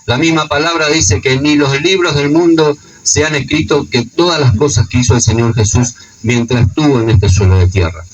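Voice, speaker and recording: A man's voice: fairly high pitch, moderate pace, hardly any pauses, recorded from a distance, lo-fi sound. A man with a Rioplatense accent preaching a sermon. He retells scripture stories and often adds a questioning "no?". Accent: Rioplatense Spanish.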